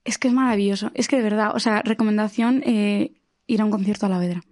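A woman's voice: medium pitch, fairly even intonation, quick pace, darkish tone. A woman singer who talks in a gushing, enthusiastic way, full of fillers. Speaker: singer guest. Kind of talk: casual chat.

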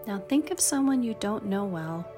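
A middle-aged woman narrates as a meditation guide with a gentle, soothing delivery. She takes her time over each phrase, in a mid-pitched voice, with music clearly playing behind her. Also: lively intonation, moderate pace. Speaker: podcast host and meditation guide.

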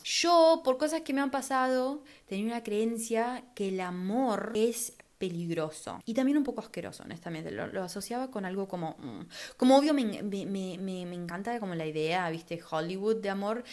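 A woman's voice: medium pitch, darkish tone. A young woman hosting a podcast, talking in a chatty, casual way and sprinkling English words into her speech. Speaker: podcast host.

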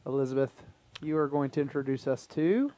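A man's voice: medium pitch, a little fast, mellow. Wry man hosting a podcast chat. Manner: leads the talk, wry and joking. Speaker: podcast host. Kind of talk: casual chat.

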